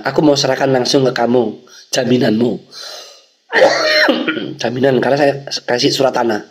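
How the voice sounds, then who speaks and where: A middle-aged male pastor telling a personal testimony in a sermon, storytelling and speaking to the congregation. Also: medium pitch. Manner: storytelling, addresses congregation, frequent fillers.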